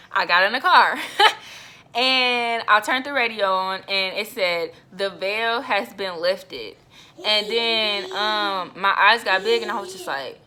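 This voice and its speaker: A young woman from Florida, talking in a casual vlog. Her voice is bright and ringing, and she tells her story in a chatty, animated way, often calling out to her viewers. She sits at a middle pitch for a woman. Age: young adult. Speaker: vlogger.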